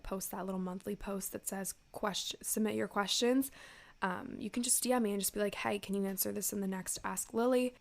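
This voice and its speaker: Female American podcast host, casual and chatty, stuffed-up nose, noticeable vocal fry. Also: mid-range voice. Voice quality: congested, stuffy-nosed. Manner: informal, chatty, addresses listeners as "you guys". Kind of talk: casual solo podcast talk to listeners.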